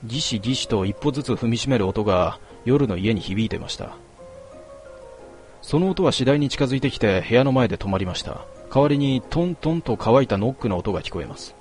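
A man reading a first-person story aloud in a measured, quiet and melancholy way. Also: mid-range voice, lively intonation, soft background music. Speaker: narrator.

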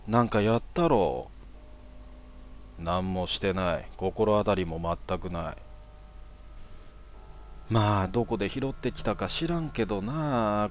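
A man voicing a stern, fierce middle-aged mother, gruff and commanding. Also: lowish voice, a little hiss or hum.

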